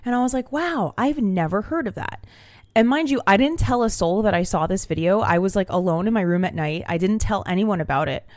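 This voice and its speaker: A young woman talks straight to her camera from a small room at home, telling a story in a chatty, animated way full of fillers. Her voice sits at a middling pitch, and the sound is close and dry with no room echo. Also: a little fast. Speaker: vlogger. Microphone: camera mic.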